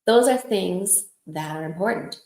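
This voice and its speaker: A woman hosts a casual support livestream, her voice sitting on the lower side. She talks in an affectionate, encouraging way, weaving in personal stories. The sound is roomy, with a clear echo from the room. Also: lively intonation, unhurried, darkish tone. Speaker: host of a lupus support livestream.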